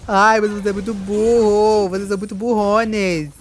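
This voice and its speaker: A woman's voice: mid-range voice, little pitch movement, normal speed. A woman giving live gameplay commentary, campy and theatrical, with playful swearing at her opponents. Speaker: gaming streamer.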